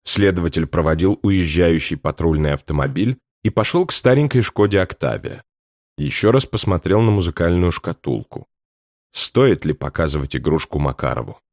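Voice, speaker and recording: A man narrating an audiobook in an expressive storytelling manner. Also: low-pitched, normal speed, no echo, studio quality. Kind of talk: scripted narration.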